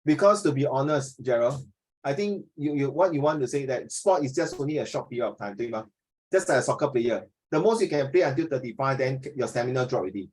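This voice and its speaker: Leading an informal class discussion, a Singaporean man in his fifties thinks aloud like a teacher, repeating phrases and adding question tags and small particles. His middling-pitched voice is animated, quick, darkish and breathy, and the audio is poor.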